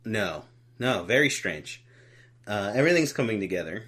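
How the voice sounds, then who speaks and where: A man co-hosting a podcast, chatting casually about a film with animated, jokey tangents. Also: lowish voice, moderate pace, slightly rough. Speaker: podcast co-host. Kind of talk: casual comedic film review chat.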